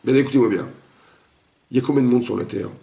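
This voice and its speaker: A man, a rabbi, giving a lively interactive Torah class, quizzing his students and acting out the dialogue. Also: mid-range voice, quick pace, creaky. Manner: animated, questions the students, acts out dialogue. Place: echoey room with students. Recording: roomy echoey room recording.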